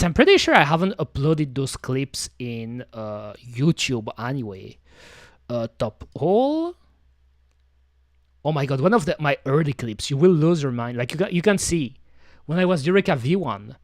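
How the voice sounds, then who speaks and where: Rambling male streamer, lively pitch. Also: no room sound, clean studio sound. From French-speaking. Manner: rambling, self-talking, many fillers and restarts. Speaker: VTuber streamer. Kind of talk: casual stream chat.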